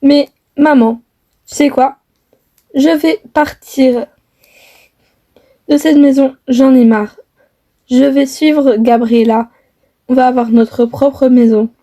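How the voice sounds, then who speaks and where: A woman's voice: high voice, steady tone, takes it slowly, pauses often, warm tone. A woman playing a young man in love who defies his mother, earnest and hesitant with many fillers, in a homemade skit.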